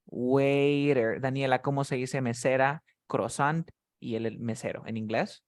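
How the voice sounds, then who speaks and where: A man's voice: medium pitch, fairly even intonation, moderate pace, no room sound, studio quality. A man teaching English to beginners in a live class, patiently drilling words and calling on students by name.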